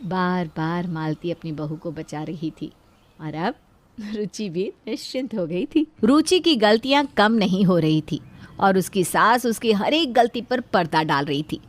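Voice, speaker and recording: Give me a woman narrating a cartoon storybook, steady and even. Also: lowish voice, unhurried.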